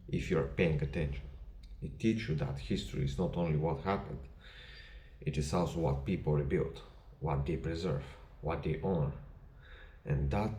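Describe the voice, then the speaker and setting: A man with a Bulgarian accent, a non-native English speaker, speaking to camera about his history channel in measured, deliberate short phrases with small grammar slips. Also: low-pitched, warm tone, roomy sound. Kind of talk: personal address to camera.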